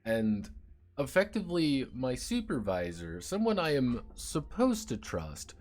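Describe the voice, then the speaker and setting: A man's voice: medium pitch, very animated, measured pace, darkish tone, soft background music. A man streaming and chatting casually, rambling, swearing and sardonic about his teaching job.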